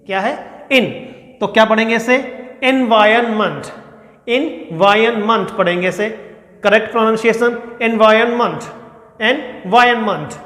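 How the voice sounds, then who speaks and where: A man teaching an exam-prep English pronunciation lesson, drilling words slowly and repeating them, asking questions and answering them himself. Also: high voice, sharp tone. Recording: echoey room with long reverb.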